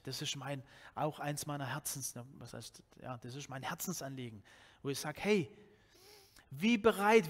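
Animated Swabian pastor in a reverberant hall. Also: male voice, fairly high pitch. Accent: Swabian German. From Swabia, Germany. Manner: conversational, animated, with many restarts and fillers. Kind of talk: sermon. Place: church hall, indoors. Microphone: headset mic.

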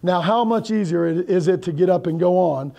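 Gravelly, dark-voiced male preacher. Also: high-pitched, brisk. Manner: conversational preaching, asks the congregation questions; moves around and gestures while preaching. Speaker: pastor. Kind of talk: sermon. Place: church hall with a projection screen.

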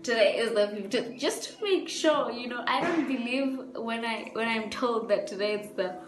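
Chatty woman, fairly high voice, roomy echo, music clearly behind. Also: normal speed. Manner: excited, chatty. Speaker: guest on vlog. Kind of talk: casual vlog chat.

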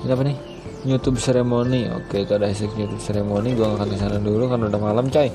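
Talking very fast in a steady, lowish voice, a young gaming YouTuber with an Indonesian accent delivers slangy, casual commentary. He uses a headset mic, and game music plays in the background.

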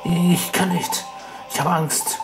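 A man's voice: mid-range voice, fairly even intonation, unhurried, lightly acted. A man voicing a timid, frightened little mole creature in a game, meek and trembling. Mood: scared. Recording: loud game music behind.

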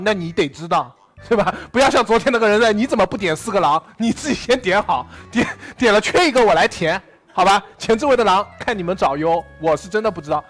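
A man's voice: high-pitched, fairly bright tone. A man playing in a werewolf game show, joking and teasing other players as he gives his speech. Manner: joking, teasing, laughs between lines.

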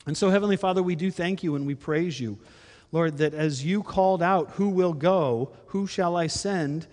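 A man's voice: a little high, moderate pace, a little mellow. A middle-aged man, a pastor, giving friendly church announcements and leading a prayer in a large sanctuary, speaking into a handheld mic with easy fillers. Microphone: handheld microphone. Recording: long reverb of a church hall.

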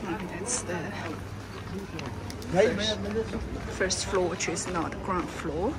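Slow-talking woman on an airport walk. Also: lowish voice. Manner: slow, halting, simple phrasing. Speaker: travel vlogger. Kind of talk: casual walking-tour narration. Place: large indoor airport terminal. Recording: busy terminal noise behind.

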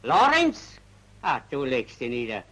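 An actor playing a brusque night porter, answering the phone in 1940s film style. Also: male voice, mid-range voice, wildly swooping pitch, measured pace, pushed and bright, exaggerated voice, low-quality recording. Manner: brusque, dismissive.

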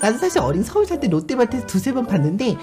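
A male streamer chatting casually and telling a story. He talks in an animated way, laughs often, and acts out other people's lines. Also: extremely high pitch, very fast. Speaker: YouTube streamer. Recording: background music under the voice. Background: music.

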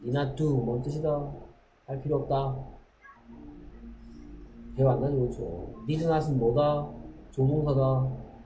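A man teaching an English lesson to middle school students. He keeps checking that the class is following, and he reads the English sentences out slowly. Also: mid-range voice, reverberant, background noise. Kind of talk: classroom lecture.

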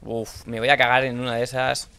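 A young man with a Spanish accent from Spain, playing a horror game and thinking aloud in low mutters, now and then shouting out. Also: flat delivery, fairly quick, gravelly, clear, resonant tone. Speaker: gaming streamer. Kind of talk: horror let's play commentary.

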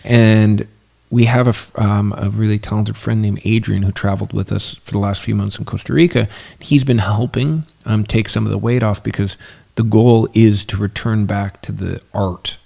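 A man in his thirties co-hosting a home podcast, talking in a relaxed, halting way with many ums into a studio mic. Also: fairly low pitch, vocal fry. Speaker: podcast co-host. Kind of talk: casual chat. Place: living room at home. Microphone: studio mic on boom arm, headphones.

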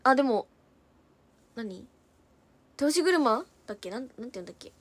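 Young woman, high voice, fast casual livestream chatter, Hiroshima dialect flecks. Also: very animated, dry recording. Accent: Hiroshima dialect in places. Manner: chatty, quick-talking, reads viewer comments aloud and thanks them. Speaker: idol livestreamer reading comments.

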